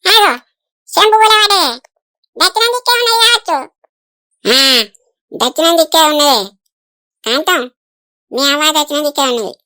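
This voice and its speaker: A woman's voice: very high-pitched, moderate pace, long pauses, bright, forceful tone, no echo, studio quality. A woman voicing a bossy, boastful village diviner in a cartoon, speaking with a Telangana Telugu accent.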